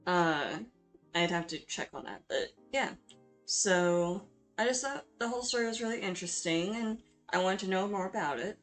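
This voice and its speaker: A woman with a slightly low voice narrates her video in an informal, chatty style. She is hesitant and self-deprecating, often apologetic in the way she talks. Music plays behind her voice. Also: lively intonation, normal speed. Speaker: video creator hosting a drawing speedpaint. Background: background music.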